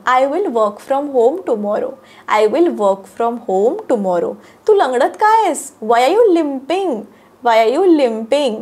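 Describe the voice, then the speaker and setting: A woman with a Marathi accent teaching English, repeating each sentence slowly and carefully. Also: high voice, darkish tone. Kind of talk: language lesson, reading sentences slowly.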